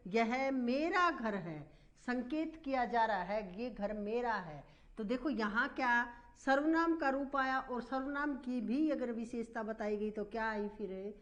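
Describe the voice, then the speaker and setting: A woman teaching a Hindi grammar lesson, explaining step by step and asking questions that she then answers herself. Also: on the high side.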